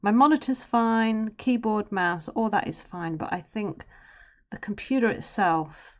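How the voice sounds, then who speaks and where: A woman streamer and artist with a naturally low voice rambles casually to her live-stream viewers as she draws, speaking a little slowly. Her chat drifts off into murmurs and humming while she works. The stream audio is dull and lo-fi.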